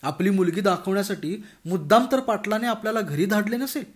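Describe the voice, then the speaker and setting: High-voiced male storyteller. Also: fairly quick. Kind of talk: humorous story reading.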